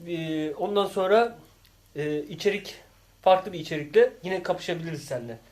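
A man's voice: sits high, lively intonation, normal speed, darkish tone. A man, a father hosting a casual family vlog, teasing playfully and calling out game scores with bursts of laughter. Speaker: father and channel host.

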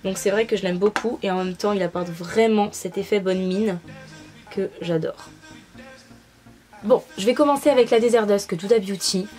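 A woman's voice: mid-range voice, moderate pace, dark tone, soft background music. A young adult woman talking casually through a makeup tutorial as a beauty vlogger, with frequent fillers. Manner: chatty, many fillers.

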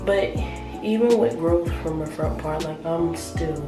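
A woman's voice: sits low, measured pace. A young woman who sounds under the weather, chatting casually and informally to the camera in a hair tutorial. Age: young adult. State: sick, with an affected voice. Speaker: natural hair vlogger. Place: small tiled home bathroom, indoors. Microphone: camera mic a short distance away. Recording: echoey bathroom, distant mic, music behind.

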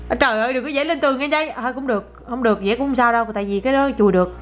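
A woman's voice: a little high, rapid-fire, dull audio, faint music behind. A woman, a mother filming her toddler in a casual home vlog, chatty and exclaiming as she coaxes the child.

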